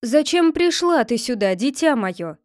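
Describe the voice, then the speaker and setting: A woman voicing a stern but kind old bearded man with a rough voice, in a read-aloud fairy tale. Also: high-pitched, very animated, measured pace, darkish tone, no room sound, studio quality.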